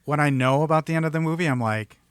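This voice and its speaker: A man co-hosting a podcast, recapping a film in a measured way and dropping dry, wry remarks. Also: a little high, clear, resonant tone, no echo. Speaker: podcast co-host. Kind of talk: casual film discussion.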